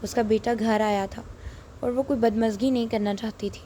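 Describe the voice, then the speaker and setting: A woman narrating a short novel aloud in a steady, even storytelling manner. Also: a little high, slight background noise.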